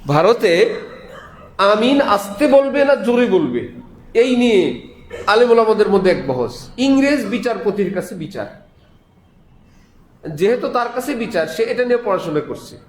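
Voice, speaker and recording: A man's voice: sits high, sing-song, moderate pace, pauses often, reverberant, slight background noise. A man with a Bangladeshi Bengali accent giving a Friday sermon in a mosque, telling stories, voicing the people in them and chuckling often. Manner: storytelling, voicing characters, frequent chuckles. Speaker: preacher. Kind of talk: Friday sermon with acted anecdotes.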